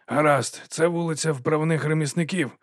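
A man voicing a gruff, impatient old male sweeper-monk in a storybook, with a brusque, commanding manner. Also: a little high, steady tone, moderate pace, no echo, studio quality, pitched above the performer's own voice, lightly acted. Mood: wary.

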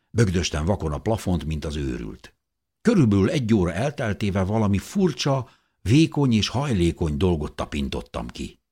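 A man narrates a story in the first person with an expressive, dramatic reading. His voice is very low and somewhat husky. His pitch rises and falls widely as he tells it. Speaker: audiobook narrator.

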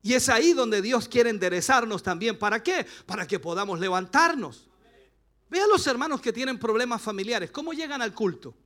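High, bright-voiced Chilean pastor preaching. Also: male voice, lively intonation, normal speed. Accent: Chilean Spanish. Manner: rousing, rhetorical questions, playful asides. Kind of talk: sermon. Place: church service.

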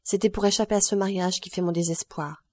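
A woman's voice: mid-range voice, fairly even intonation, quick pace, warm tone, no echo, lightly acted. A woman reading an audiobook, voicing an earnest young woman who speaks anxiously and affectionately to her grandfather. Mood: pleading.

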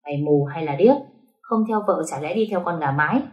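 A woman voicing a defiant, sharp-tongued young wife in a spoken story, with a cutting, scornful delivery. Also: low voice, lively intonation, fairly quick, lo-fi sound.

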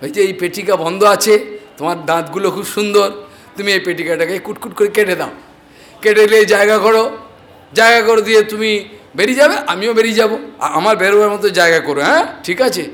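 A man's voice: sits high, fast talker, a bit bright. A man doing a sly, coaxing cat. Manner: coaxing, falsely friendly. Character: sly hungry male cat sweet-talking a mouse.

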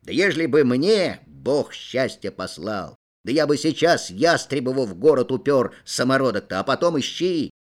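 A man reading aloud voices a blunt, angry male peasant who shouts harshly. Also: medium pitch, sing-song, moderate pace, hardly any pauses, close to an everyday voice.

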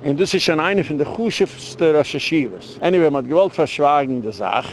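A man's voice: fairly high pitch, animated, fairly quick, slight background noise. A man, a rabbi, delivering a heated, rambling lecture in an emphatic way, dropping English words into his speech.

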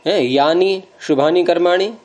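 A man's voice: high voice, a little slow, a little mellow. A man with a Hindi accent teaching Sanskrit grammar to a class, patiently explaining and repeating word forms aloud.

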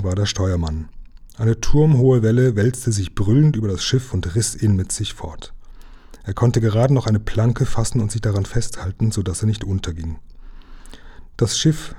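A man's voice: lowish voice, warm tone, husky. A man reading a children's adventure book aloud with dramatic narration. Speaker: storyteller.

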